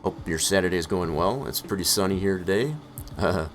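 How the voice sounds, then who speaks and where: Male streamer, deep voice, hoarse, rambling filler-heavy chat, soft music underneath. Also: fairly quick. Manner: rambling, full of "uh" and "I guess, as far as" fillers. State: hoarse, losing his voice. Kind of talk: casual live-stream chat. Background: faint music playing in the background.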